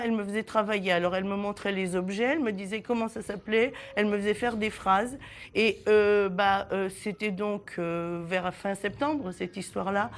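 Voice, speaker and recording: A woman in her sixties, born in southern Italy with Italian as her first language, recounting her childhood in a halting, reflective way with many pauses. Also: medium pitch. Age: 60s. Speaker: interviewee. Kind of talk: personal testimony in a documentary.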